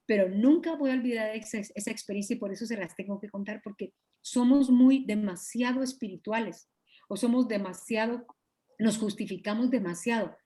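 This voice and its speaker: A woman's voice: fairly high pitch, dark tone. Earnest woman teaching a Bible study. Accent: Guatemalan Spanish. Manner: earnest, confiding, acts out quoted dialogue; clears throat often. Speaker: pastor's wife leading a Bible study. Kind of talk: Bible study teaching over video call. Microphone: video call.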